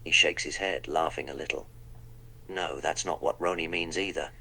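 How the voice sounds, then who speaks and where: A man's voice: a bass voice, steady tone, moderate pace, bright, forceful tone, exaggerated voice, rough recording. A man voicing the Doctor, a wry, polite eccentric time traveller, in a text-to-speech role-play that narrates his own actions.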